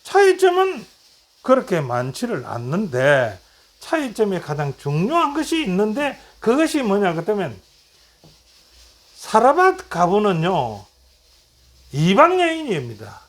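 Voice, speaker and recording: A man's voice: high-pitched, huge pitch swings, a little slow. A middle-aged man teaching a Bible lesson, retelling stories and acting out quoted lines, asking and answering his own questions.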